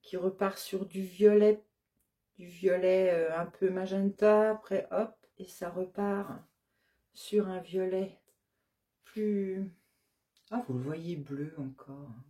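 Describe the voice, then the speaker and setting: A yarn shop owner with a lowish, dark, steady voice talks slowly as she casually shows new colorways on camera. Going through each color singly, she fills her speech with hesitant fillers in this informal product show-and-tell.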